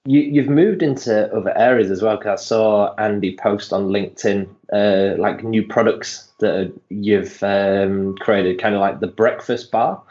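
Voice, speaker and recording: A man's voice: fairly low pitch, fairly even intonation, unhurried, hardly any pauses, darkish tone. A man interviewing a guest, asking enthusiastic, complimentary questions. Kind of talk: casual interview. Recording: dull lo-fi sound.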